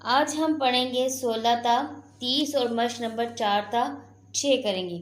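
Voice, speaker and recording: A woman's voice: a little high, slow pace. Patient woman teacher in echoey room. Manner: patient, explains and asks the class questions. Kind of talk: classroom lesson.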